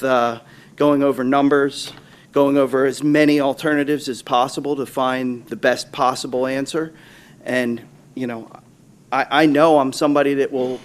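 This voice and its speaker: A middle-aged American man of average pitch gives an unscripted interview answer. He speaks haltingly, breaking off and rephrasing as he lays out his case. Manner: halting, self-correcting. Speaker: candidate being interviewed for a school board. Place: public board meeting room.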